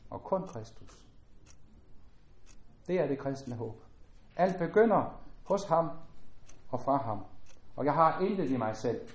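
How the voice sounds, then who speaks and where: A man preaching a sermon as a pastor, earnest and measured, his voice dropping at the ends of phrases. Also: fairly high pitch, a little mellow, roomy sound.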